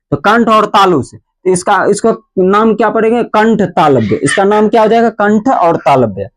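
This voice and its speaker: A young man teaching a grammar lesson, asking questions and answering them himself, pronouncing each letter slowly and with emphasis. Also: sits high. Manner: drawn-out, emphatic pronunciation of letters.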